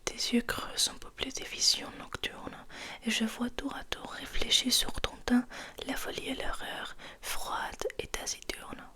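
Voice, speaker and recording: A woman in a slightly high register hosts a soft poetry reading, whispering close to the mic in a hushed, measured ASMR manner. Her delivery is flat, with a breathy edge.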